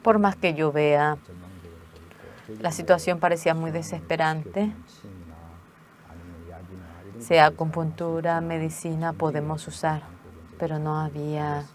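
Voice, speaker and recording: A woman telling her own life story as a personal testimony, in an earnest, measured way. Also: low-pitched, steady tone. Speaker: testimony speaker.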